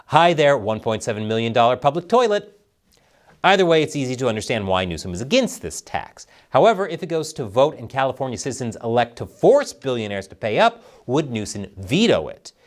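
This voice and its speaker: A man hosting a satirical news show, delivering the headlines with sarcastic jokes. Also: mid-range voice.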